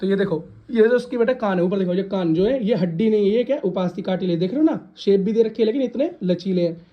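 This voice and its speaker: A woman teaching science in class keeps a quick pace in her mid-range voice, captured with lo-fi sound. She asks questions and repeats them for students to echo back, calling them "beta" and scolding those who laugh.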